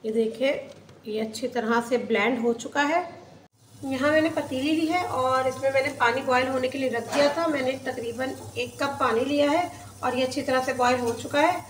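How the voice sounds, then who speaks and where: A woman's voice: sits high, moderate pace, reverberant, background noise. A woman hosting a cooking channel, chatting her way step by step through a home recipe. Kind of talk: casual recipe voice-over. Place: home kitchen.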